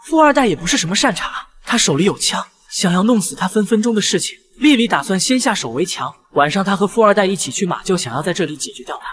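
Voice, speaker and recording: Recap narrator: man with a high-pitched voice, brisk scripted storytelling. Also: lively intonation, fairly bright tone, husky.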